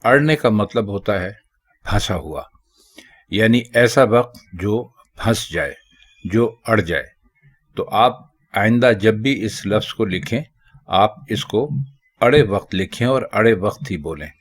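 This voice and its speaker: A man teaching Urdu, explaining correct spelling and pronunciation of common words in a measured, deliberate way. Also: fairly low pitch.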